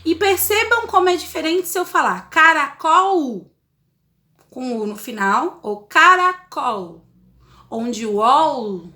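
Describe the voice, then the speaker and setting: A woman's voice: high voice, pushed and bright. A woman teaching young children in a recorded lesson, explaining step by step in a sing-song, encouraging way. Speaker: primary school teacher.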